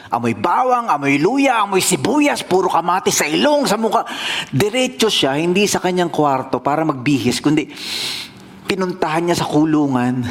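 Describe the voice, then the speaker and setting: A man from the Philippines, a pastor telling a story in a sermon in a playful, animated way. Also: high-pitched.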